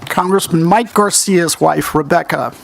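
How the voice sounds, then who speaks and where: A man giving formal ceremony remarks as master of ceremonies, speaking in measured, courteous tones at a lectern microphone. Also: fairly high pitch, vocal fry, background noise.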